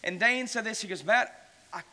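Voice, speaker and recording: Bright-voiced pastor telling a story. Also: male voice, high voice, normal speed. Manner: conversational, retells stories with quoted dialogue. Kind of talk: sermon storytelling. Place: church.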